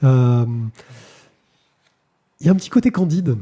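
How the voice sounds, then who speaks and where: Halting, bright-voiced podcast man. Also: on the high side, big pitch swings, husky. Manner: halting, many fillers and repeated words. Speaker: podcast host reviewing comics. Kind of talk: casual podcast chat. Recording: live-streamed podcast.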